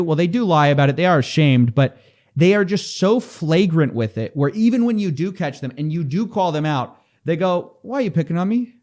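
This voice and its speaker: A man speaking straight to camera in a commentary video, exasperated and incredulous as he calls people out, with faint music underneath. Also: fairly high pitch. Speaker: online investigative commentator.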